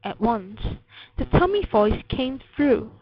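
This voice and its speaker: A woman recites a children's poem with an expressive storytelling delivery. Her voice is high and she takes her time over each line. The recording is slightly dull and lo-fi. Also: slow pace, breathy edge, no room sound. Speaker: poetry reciter.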